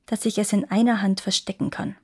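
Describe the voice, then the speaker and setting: A woman's voice: mid-range voice, little pitch movement, a little fast, a little mellow, slightly rough, lightly acted. A woman voicing a mistrustful male king who commands his son. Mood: commanding. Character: mistrustful aging male king, scheming father.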